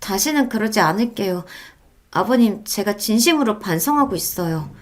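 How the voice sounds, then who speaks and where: A woman's voice: medium pitch, expressive, normal speed, lightly acted. A woman voicing a defensive young wife who talks in a whiny, pleading way. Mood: apologetic.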